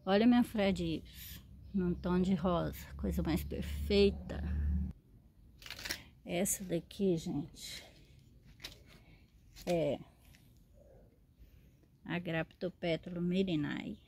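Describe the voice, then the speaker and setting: A woman's voice: on the low side, very slow, long pauses, dark tone, slight background noise. A woman, a succulent grower and seller, chatting fondly in a show-and-tell vlog and often checking in with her viewers.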